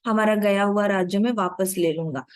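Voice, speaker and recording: A woman voicing a humble, determined young king who speaks calmly and earnestly, in a storybook retelling. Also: mid-range voice, normal speed, dry recording, studio quality, pitched below the performer's own voice, natural voice.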